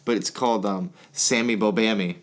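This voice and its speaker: A young man co-hosting a casual comedy podcast, pitching silly show ideas with bursts of laughter and goofy put-on voices. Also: fairly even intonation, normal speed. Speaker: podcast co-host.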